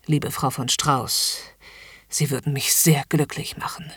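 A woman's voice: sits low, steady tone, a little slow, a bit bright, slightly rough, no room sound, clean studio sound, voice pushed down, exaggerated voice. A woman voicing an eager, fawning husband in a pleading, whispered role-play. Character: eager, fawning married man.

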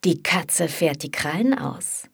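Woman voicing a relaxed, self-assured young man. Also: low-pitched, slow, creaky, slightly rough, heavily acted. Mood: easygoing. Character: easygoing young man, confident lover. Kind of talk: audiobook character voice.

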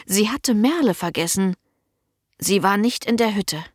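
A woman reading a story aloud as narrator with expressive storytelling. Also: medium pitch, unhurried, husky, no echo, studio quality. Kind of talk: audiobook narration.

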